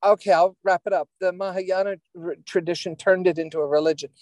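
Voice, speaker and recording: A woman shares her view in an online meeting with earnest, deliberate phrasing. Her voice sounds dry and close, with no room around it. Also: on the low side, fairly even intonation, a little mellow, dry recording. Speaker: meeting participant. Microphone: video call.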